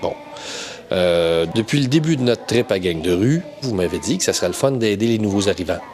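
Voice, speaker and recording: A man's voice: fairly low pitch, expressive, a little fast, a little mellow. A man with a Québécois accent, addressing his team in an easygoing, direct way as host. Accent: Québécois French. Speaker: show host.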